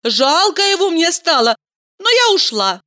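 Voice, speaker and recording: A woman's voice: extremely high pitch, sing-song, measured pace, bright, forceful tone, pitched above the performer's own voice, heavily acted. A woman doing a bubbly, teasing young heroine. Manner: bubbly, chirpy and exclamatory.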